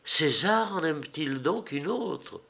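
A man's voice: fairly high pitch, lively intonation, slow pace, creaky, fairly bright tone, husky, exaggerated voice. A man reading the part of a devoted, fearful young Greek woman in an audiobook, in a pleading, tender manner.

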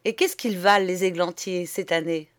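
A woman voicing a boastful, blustering middle-aged man, the master of the house, who talks loudly and swears freely. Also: sits high, steady tone, normal speed. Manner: loud, swaggering, swears freely.

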